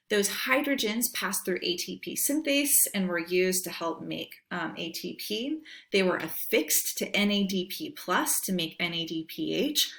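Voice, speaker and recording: A woman's voice: medium pitch, a bit bright. A woman teacher narrating a screen-recorded lecture over a computer microphone, explaining step by step and checking in with "right?".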